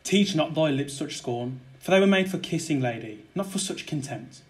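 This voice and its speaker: A smooth-tongued, murderous nobleman woos in old dramatic verse, acted by a young man. His voice sits a little high for a man, and he pleads and persuades with ardent flattery. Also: moderate pace, natural voice. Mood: pleading, daring. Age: young adult. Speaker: student actor. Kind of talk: Jacobean and Shakespearean verse audio drama.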